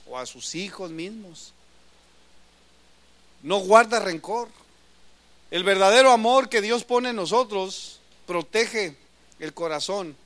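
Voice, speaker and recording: A male pastor preaching a sermon, swinging from loud emphatic lines to soft asides. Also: on the high side.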